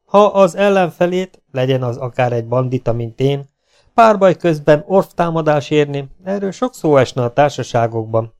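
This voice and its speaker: A man's voice: fairly high pitch, lively intonation, a little mellow. A man voicing a cocky, self-assured outlaw gunslinger who taunts his opponents. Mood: mocking. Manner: mocking, self-assured and teasing.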